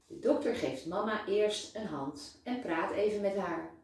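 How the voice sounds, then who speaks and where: A kindergarten teacher, a woman, reading a children's story aloud in a slow, lively storytelling manner. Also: mid-range voice. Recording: very echoey room, voice far from mic.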